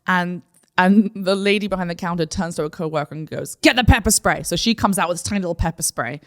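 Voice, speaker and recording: A woman from New City, co-hosting a casual podcast chat and telling a story with lively acted-out voices. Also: fairly low pitch, quick pace. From New York City. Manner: animated storytelling, acting out quoted voices. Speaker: podcast co-host.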